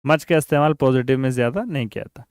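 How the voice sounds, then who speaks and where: Man, English teacher, slow example sentences, smooth voice, dry sound. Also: mid-range voice, a little mellow, no echo. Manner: reads English examples slowly, explains quickly. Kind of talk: grammar lesson.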